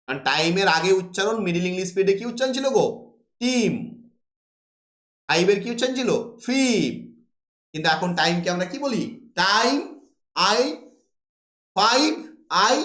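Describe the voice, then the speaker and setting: A man's voice: high voice, a bit bright. A man teaching a class, lecturing and posing rhetorical questions that he then answers himself. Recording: roomy echo.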